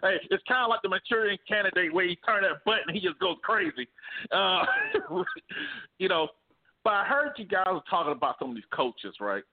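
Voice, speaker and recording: A man co-hosting a podcast, arguing sports in an animated, joking way with bursts of laughter. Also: high-pitched, a little fast, creaky. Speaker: podcast co-host. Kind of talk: casual sports debate. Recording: phone-like narrow band.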